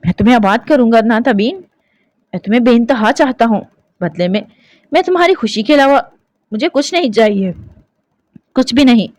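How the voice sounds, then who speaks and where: A woman's voice: fairly high pitch, animated, normal speed, long pauses, a little mellow, no echo, close to an everyday voice. Woman voicing an earnest young man in love. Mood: pleading. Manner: earnest, firm.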